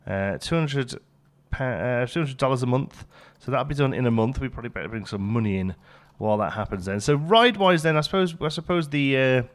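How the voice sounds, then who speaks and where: A British man hosts a let's play, thinking aloud in a casual, wry chat. His voice is mid-range and his pace brisk.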